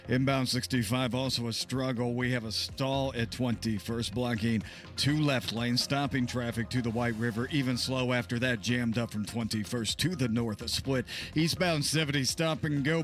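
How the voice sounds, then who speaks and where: A man's voice: mid-range voice, a bit bright. A man delivering a radio traffic report, rattling off roads and blockages in clipped phrases. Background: music bed.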